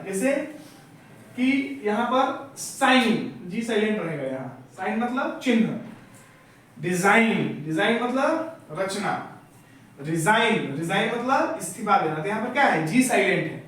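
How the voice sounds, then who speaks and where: A man's voice: high voice, expressive, measured pace, fairly bright tone. A male teacher giving a classroom lecture, asking questions and having the class repeat the answers. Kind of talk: classroom lecture drilling vocabulary. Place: echoey classroom. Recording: echoey room, far from the mic.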